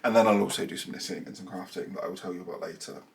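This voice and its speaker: Recorded on a camera mic in a small, cluttered room at home with heavy background noise, a knitting vlogger from southern England talks very fast in a deep, gravelly voice with fairly even intonation. His southern English accent carries a casual, rambling vlog full of self-deprecating asides, and he sounds slightly nasal and stuffed up.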